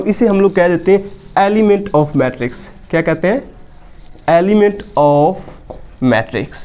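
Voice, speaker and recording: High, mellow-voiced man teaching math. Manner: explains step by step with frequent rhetorical questions. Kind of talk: whiteboard math lesson. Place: classroom with whiteboard.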